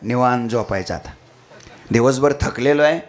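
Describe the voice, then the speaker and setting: A man voicing a crafty young male college student who schemes and shouts a false alarm, within a devotional storytelling performance. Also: medium pitch, moderate pace, voice pushed down, close to an everyday voice. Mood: reassuring.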